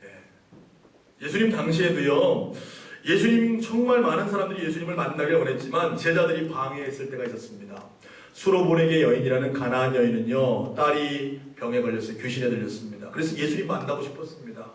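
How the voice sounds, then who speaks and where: A slightly high, fairly quick male voice preaches in a church sanctuary, heard through a distant mic with plenty of hall echo. The pastor puts questions to his listeners and climbs toward forceful, emphatic sections.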